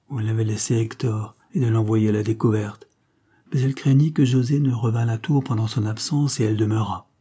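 A man narrating a classic adventure novel in an even, scripted storybook reading. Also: mid-range voice, husky. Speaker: audiobook narrator.

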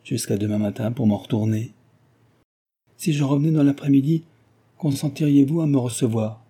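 A man reading the lines of a dignified noble mother in a storybook reading, with a gentle, earnest and stately manner in a deep, husky voice. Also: moderate pace, close to an everyday voice.

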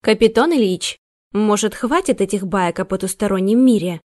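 A woman's voice: medium pitch, expressive, normal speed, a little mellow, natural voice. A woman voicing a stern, imperious middle-aged housekeeper. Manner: imperious, commanding.

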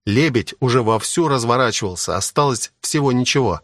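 A man reading a first-person adventure audiobook with steady dramatic storytelling. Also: medium pitch, brisk, dry recording, clean studio sound. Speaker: audiobook narrator.

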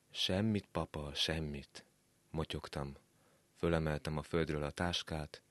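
Low-voiced male reader for a radio story, dry close studio sound, calm and measured. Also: no echo. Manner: measured, calm storytelling with soft dropped endings. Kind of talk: scripted narration.

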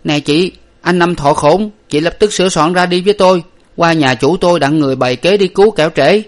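A man reading a story, voicing an excitable, timid young male servant who shouts urgently. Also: a little high, fairly quick, voice pushed up, natural voice.

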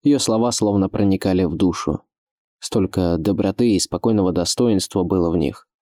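A man narrating an audiobook in a measured, expressive literary reading. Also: sits low, dry recording, studio quality.

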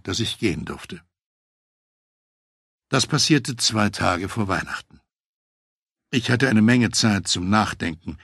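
A man reading a first-person memoir aloud, telling the story in a measured, reflective way. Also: lowish voice, a bit bright, slightly rough, dry recording, studio quality. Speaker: audiobook narrator.

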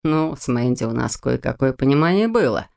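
A narrator voicing a corrupt male cop who holds a gun, curt and sneering, lower than the reading voice. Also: animated, fairly quick, vocal fry, a little mellow. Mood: menacing.

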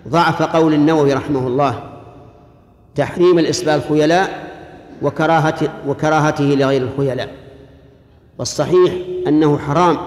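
A man delivers a measured, explanatory religious lesson and often goes back over his main points. His voice sits a little high for a man. The recording carries long, roomy reverb, as in a large hall. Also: a little mellow. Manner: measured, explanatory, repeats key phrases. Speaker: religious scholar teaching hadith.

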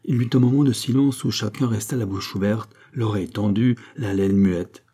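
A man reading a classic novel aloud as an audiobook narrator, steady and measured. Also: lowish voice, breathy edge. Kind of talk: scripted narration.

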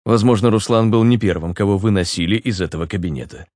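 A man narrating an audiobook in an even, steady storytelling manner. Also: on the low side, quick pace, no room sound. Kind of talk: scripted narration.

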